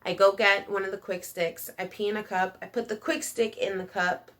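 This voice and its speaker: A woman in her thirties tells a personal story to her channel's viewers. Her voice is bright and sits at a middling pitch. She is chatty and animated, using casual slang and checking in with the listener as she goes. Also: moderate pace. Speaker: video channel host.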